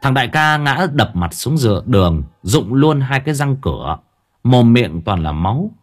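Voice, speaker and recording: A man narrating an audiobook story in a lively, colloquial storytelling manner. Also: mid-range voice, normal speed, faint music behind.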